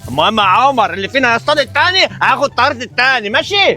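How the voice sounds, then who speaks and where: A cocky Egyptian boy, voiced by a woman in a comedy skit, with a high, bright voice. He talks at a rapid clip and teases his friend without mercy. Faint music sits under his lines. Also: animated. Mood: taunting. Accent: Egyptian Arabic. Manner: taunting, teasing, cocky. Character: mocking bratty boy friend.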